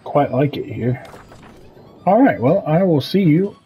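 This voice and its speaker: A man giving casual video game commentary as host, low-key and musing aloud. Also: animated, a little slow, highs cut off, faint music behind.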